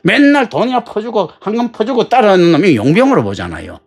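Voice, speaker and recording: Male pastor, sermon, colloquial and joking, rhetorical questions, wildly swinging pitch. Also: big pitch swings, brisk, vocal fry.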